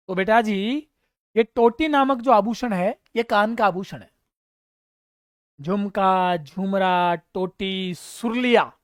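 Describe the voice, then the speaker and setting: An extremely high, clear, resonant male voice, recorded dry with studio quality. He runs a live online exam-prep class, quizzing students, reading their names aloud and praising them. Funny stories are woven in, giving it a humorous storytelling feel.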